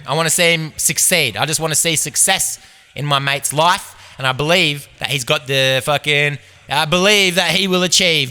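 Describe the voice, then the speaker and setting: Young host, loose profane comic monologue, sharp bright voice. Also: male voice, on the high side. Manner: laid-back, heavy swearing, many fillers. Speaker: podcast host.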